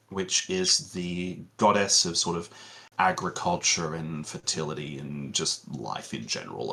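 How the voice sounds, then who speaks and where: A man narrating a tabletop game as game master in a relaxed, meandering way with many fillers. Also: deep voice, creaky.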